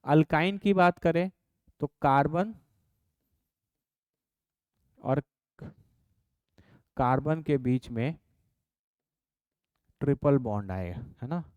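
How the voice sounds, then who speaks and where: A man teaching a chemistry class, dictating definitions slowly and calling his students "babu". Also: on the high side, expressive, darkish tone, smooth, no echo.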